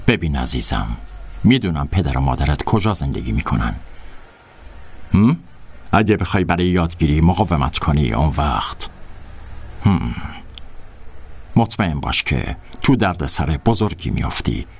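A menacing pimp in a dubbed film drama, played by a man. His voice is very deep and husky, with a lively, swinging tone. He coaxes sweetly, then threatens quietly. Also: long pauses, full character voice. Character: smooth menacing older pimp coaxing a girl.

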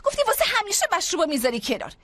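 A woman voicing a brisk female hospital psychiatrist in a dubbed drama, soothing patients and ordering staff around. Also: very high-pitched, huge pitch swings, pushed and bright, dry recording, heavily acted. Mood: persuasive.

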